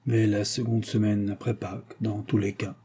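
A man's voice: on the low side, moderate pace, warm tone, breathy edge. A man voicing a stiff, pompous older general in an audiobook reading, formal and grave.

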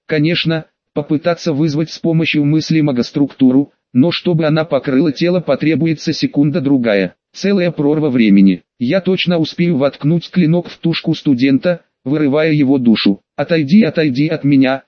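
A man tells a first-person story at a brisk pace with a sardonic edge. His voice sits a touch high for a man. The recording is dry and slightly muffled. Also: dry recording. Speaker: audiobook narrator. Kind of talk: first-person audiobook narration.

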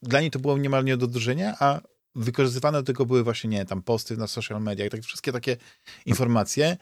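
A man's voice: mid-range voice, fairly even intonation, brisk, no echo, clean studio sound. A man co-hosting a podcast, chatting casually and rambling with many restarts and fillers. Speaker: podcast co-host. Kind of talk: casual chat.

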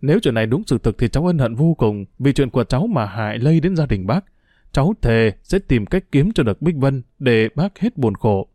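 A man voicing an earnest, caring young gentleman in an audiobook. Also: medium pitch, expressive, fairly quick, dry recording, close to an everyday voice.

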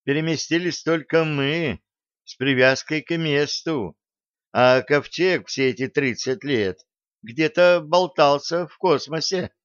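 A timid, fussy male scientist , put on by a male audiobook reader, who talks in a higher, hesitant, apologetic voice. The recording is dry and a bit dull. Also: measured pace, fairly bright tone, clean tone, no room sound, natural voice.

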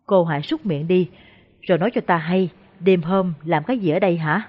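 A woman voicing a shrewd, calm older male exorcist master who asks probing, feigned questions. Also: lowish voice, a little fast, close to an everyday voice. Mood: shrewd questioning. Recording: dull lo-fi recording.

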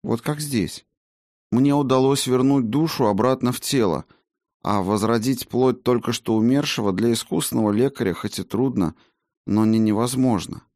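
A man voicing a gentle, soft-spoken male healer who talks earnestly in an audiobook. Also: medium pitch, normal speed, no echo, studio quality, voice pushed up, lightly acted.

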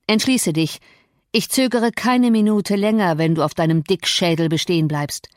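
A woman voicing a brooding, domineering and violent grown man in an audiobook, forceful and threatening. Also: fairly low pitch, normal speed, no echo, studio quality, close to an everyday voice. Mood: commanding. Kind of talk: audiobook reading.

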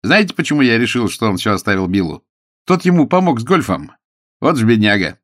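A man's voice: medium pitch, sing-song, fairly bright tone, no echo, pitched above the performer's own voice. A man voicing a flustered, eager young lawyer who rambles apologetically, in a dry-sounding audiobook. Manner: rushed, apologetic, chatty.

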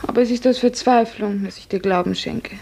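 A woman's voice: fairly high pitch, steady tone, brisk, gravelly, a little mellow, slight background noise. A woman playing a young serf actress, anguished and pleading, in a 1950s radio play. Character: young female serf actress, desperate and longing.

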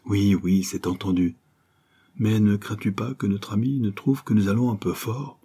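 A frightened male henchman pleading quietly with his lover, as the narrator voices him. He sounds low and husky, with a hushed and anxious delivery. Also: steady tone, normal speed. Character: nervous male accomplice, devoted and fearful.

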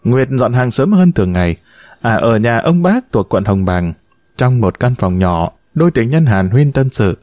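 A man narrating a story in a steady, even reading voice. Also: mid-range voice, normal speed, dry recording, studio quality. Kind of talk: scripted narration.

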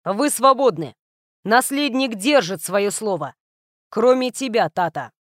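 A woman doing a calm, cold royal bodyguard. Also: on the high side, a little slow, no echo, clean studio sound. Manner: calm, indifferent.

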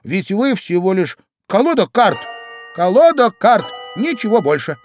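A man's voice: mid-range voice, big pitch swings, takes it slowly, darkish tone, soft background music. A man voicing a bold, defiant young girl who exclaims indignantly in a storybook reading.

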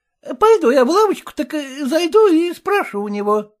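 A woman voicing a kindly, practical household cook who instructs gently and coaxingly. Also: high voice, sing-song, moderate pace, pitched above the performer's own voice.

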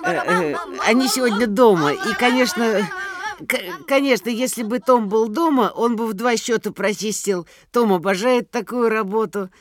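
A woman's voice: fairly high pitch, normal speed, crowd noise, natural voice. A woman playing a flustered, stammering neighbour. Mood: fussy. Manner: hesitant, stammering, apologetic. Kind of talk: audio drama acting.

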